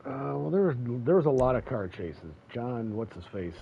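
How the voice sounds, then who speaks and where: A man's voice: medium pitch, big pitch swings, normal speed, creaky, lo-fi sound. A man streaming a racing game, rambling casually with many fillers and wry asides. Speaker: gaming streamer. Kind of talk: casual chat while racing. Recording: noisy game-stream audio.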